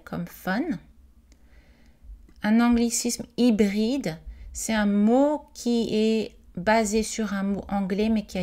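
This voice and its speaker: Woman, slow unhurried pace, careful read-aloud presentation, middle pitch, hesitant asides. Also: warm tone. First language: not Quebec French.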